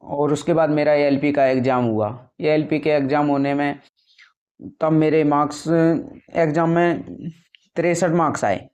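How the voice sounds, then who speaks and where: Young guy giving exam prep tips, earnest, keeps repeating himself, kinda high voice, muffled lo-fi audio. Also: fairly even intonation, measured pace, darkish tone. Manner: earnest, repetitive, addresses viewers as brothers. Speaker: successful exam candidate giving advice. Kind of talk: casual advice talk to camera. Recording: dull lo-fi sound.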